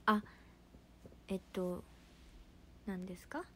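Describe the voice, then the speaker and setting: A woman's voice: medium pitch, slow, bright, forceful tone. A young woman hosting a casual livestream who chats in a filler-heavy way and reacts to fan comments as she reads them. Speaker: idol livestream host.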